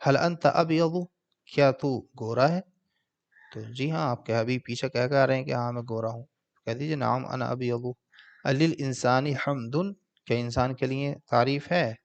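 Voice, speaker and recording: A man teaching an Arabic grammar lesson, translating word by word in a slow, patient way. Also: mid-range voice, steady tone.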